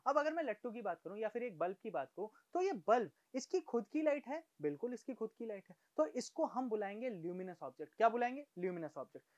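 A man with a fairly high voice teaches a science lesson in a room he lights and darkens for his demonstration. He keeps asking the viewer questions and answers each one himself. He sounds lively and coaxing. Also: fast talker, hardly any pauses, highs cut off.

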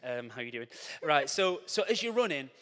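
A man giving a jokey, animated church talk, breaking into coaching shouts. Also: fairly high pitch, normal speed. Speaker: church speaker. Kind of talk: lively sermon with props and audience. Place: church hall. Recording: long hall reverb.

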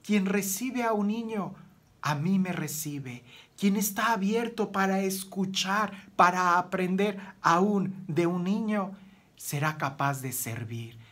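A man, a priest giving a gospel homily, talking earnestly and asking many rhetorical questions. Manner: earnest, rhetorical questions, swings between raised emphasis and soft low phrases.

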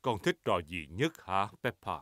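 A man's voice: lowish voice, sing-song, moderate pace, a bit bright. A man voicing a jolly, easygoing middle-aged father pig in a Vietnamese cartoon dub, hearty and fatherly. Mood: pondering. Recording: music behind the voice.

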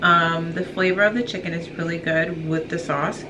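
Young woman, low voice, chatty and self-deprecating, noisy kitchen camera audio. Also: steady tone, normal speed. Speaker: guest reviewer, host's wife. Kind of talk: casual food review. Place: home kitchen, indoors. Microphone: camera mic, medium shot.

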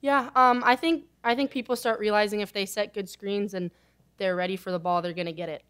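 At a postgame press conference, a young adult woman basketball player fields reporters' questions quickly and easily, using lots of fillers. Her mid-range voice is clear and resonant, picked up by a table microphone.

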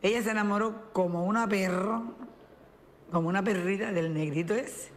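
A man's voice: high voice, moderate pace. A man recalling past events bluntly and colloquially in a documentary interview. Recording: reverberant room.

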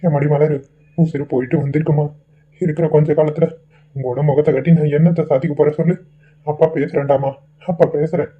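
A man plays an ailing village father in a cartoon, begging forgiveness in a slightly high, husky voice. The sound is thin and tinny, like a phone line. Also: fairly even intonation, fairly quick. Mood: remorseful. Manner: tearful, pleading apologies. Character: ailing remorseful village father, middle-aged. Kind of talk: Tamil cartoon voice acting.

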